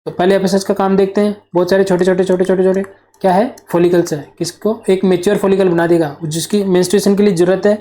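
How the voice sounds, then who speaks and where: In a whiteboard-style nursing exam lecture, a man asks questions, answers them himself, and keeps repeating key terms. His voice sits high and sounds dark, with a level tone and a quick pace.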